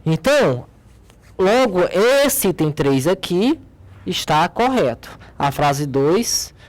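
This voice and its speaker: Patient Brazilian math teacher at a board. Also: male voice, high voice, very animated, slow. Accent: Brazilian Portuguese. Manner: patient, checks in often with short tag questions. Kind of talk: explaining a logic exercise at a board.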